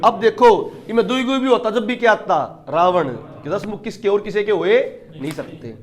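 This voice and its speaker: High-voiced male teacher. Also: lively intonation, normal speed. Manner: emphatic, asks questions and answers them himself. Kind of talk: exam-prep lecture.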